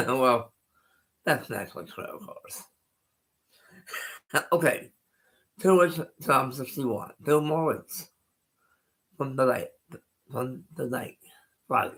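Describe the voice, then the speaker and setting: A man's voice: medium pitch, bright, forceful tone, rough recording. A man of sixty chatting casually on his livestream, rambling and repeating himself with little laughs between remarks. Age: 60s. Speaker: live streamer.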